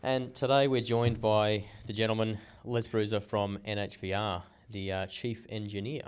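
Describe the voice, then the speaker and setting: A man's voice: on the low side, flat delivery, normal speed, smooth. A man hosting a casual podcast interview, friendly and rambling with restarts and filler words. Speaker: podcast host.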